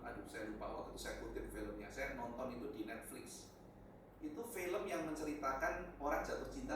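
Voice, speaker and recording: Male pastor, casual sermon delivery, faint hiss, distant mic. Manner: conversational, sudden loud high bursts for emphasis. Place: church hall. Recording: echoey hall, distant mic, faint noise.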